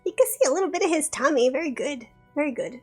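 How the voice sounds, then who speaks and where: Giggly high-pitched woman streamer reading game narration, soft music underneath. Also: animated. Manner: giggly and chatty, reads narration slowly. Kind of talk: reading a visual novel aloud on stream.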